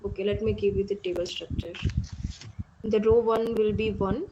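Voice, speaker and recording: A woman's voice: medium pitch, steady tone, moderate pace. Woman interviewer on a video call, hesitant, lots of uh and okay, muffled lo-fi sound with heavy hiss. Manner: hesitant, frequent "uh" and repeated "okay". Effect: voice heard over a video call. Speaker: job interviewer. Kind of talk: technical interview questions. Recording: muffled lo-fi call audio with loud noise.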